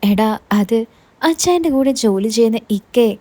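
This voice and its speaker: A woman's voice: on the high side, animated, moderate pace, mellow. Woman reading as a weary, bitter aunt. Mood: resigned.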